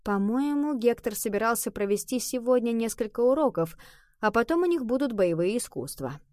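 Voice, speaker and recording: A woman's voice: fairly high pitch, animated, normal speed, a little mellow, dry recording, studio quality, voice pushed up, close to an everyday voice. Woman voicing a wise old cat teacher. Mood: measured.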